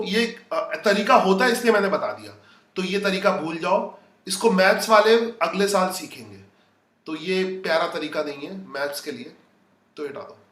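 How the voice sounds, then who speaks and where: A man's voice: high voice, pushed and bright, echoey room, distant mic. A man teaching a physics lesson live. He talks to his students casually and breaks off to read their comments. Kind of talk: live online lecture.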